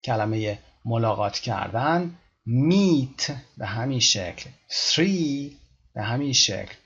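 A man teaching English pronunciation, patiently repeating words slowly to demonstrate. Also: on the low side, gravelly, bright, forceful tone, slightly rough, muffled recording. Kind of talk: explaining pronunciation in a lesson.

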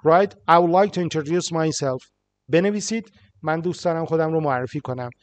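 In this English writing lesson, a Persian-accented man with a slightly high voice reads every line slowly and clearly, then quickly translates it with little fillers.

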